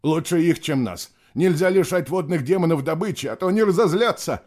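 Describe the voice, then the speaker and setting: A superstitious, fearful male boatman, voiced by a male audiobook reader. He calls out loudly and agitatedly, his voice raised higher than the reader's own. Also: lively intonation, a little fast. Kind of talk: audiobook character voice.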